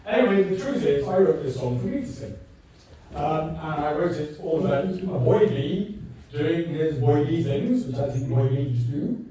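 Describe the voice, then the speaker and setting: A man's voice: on the high side, animated, normal speed, warm tone. A man in his sixties hosting his own gig, chatting between songs in a jokey, rambling, self-mocking way. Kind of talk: chatty between-song banter. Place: live music venue. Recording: echoey venue from far off, music behind.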